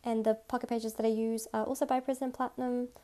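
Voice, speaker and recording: A woman with a slight cold narrates a casual voice-over showing off her photocard collection as a channel host, chatty and enthusiastic. Her voice is on the high side and warm, with little pitch movement, and she talks fast. It was recorded separately from the pictured room, with music playing underneath.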